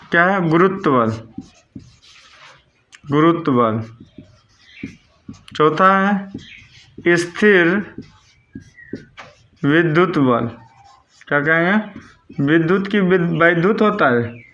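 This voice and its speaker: A man's voice: high-pitched, fairly bright tone, muffled recording. A man teaching a school physics lesson, dictating notes and repeating key terms back as questions for his students.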